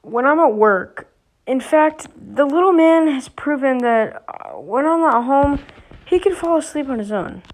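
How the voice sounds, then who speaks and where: A woman's voice: high voice, expressive, measured pace, low-quality recording. A woman reading an online post aloud for her vlog, in a casual way that often stumbles and restarts mid-sentence. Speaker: YouTuber reading Reddit posts.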